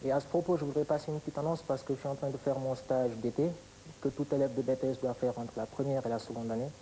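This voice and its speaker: A man's voice: medium pitch, fairly even intonation, fast, warm tone, a little hiss or hum, low-quality recording. A young man from Senegal, a quiz contestant speaking politely and formally in a TV studio. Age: young adult.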